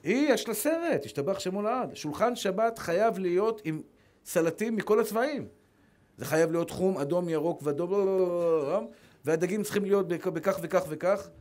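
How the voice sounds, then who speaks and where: A man's voice: high-pitched, expressive, darkish tone. A middle-aged man, a rabbi, preaching a religious lesson with emphatic repetition. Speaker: rabbi giving a Torah lesson. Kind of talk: religious sermon.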